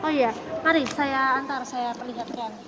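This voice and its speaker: High-pitched, polite saleswoman, customer service voice. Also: moderate pace. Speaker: motorcycle showroom salesperson. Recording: reverberant, noisy room with vehicle sounds.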